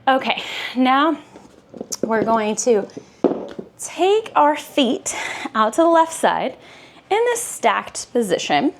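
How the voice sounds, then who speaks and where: Woman pilates teacher, kinda high voice, takes it slow, calm counting + encouraging. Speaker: Pilates instructor. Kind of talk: guided workout instruction.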